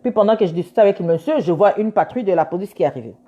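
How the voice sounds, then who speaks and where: A woman's voice: fairly low pitch, animated, racing. A woman lawyer emphatically retelling a run-in, indignant and insistent as she acts out both sides. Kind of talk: casual storytelling. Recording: dull lo-fi recording.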